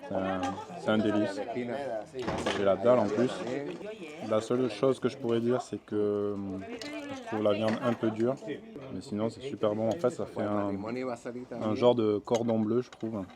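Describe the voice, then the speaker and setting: Against a loud crowd, a French-native man vlogs casually outdoors in a small town, walking the street and dining on a terrace. His voice is fairly low and fairly even, unhurried, as he cheerfully thinks out loud to camera.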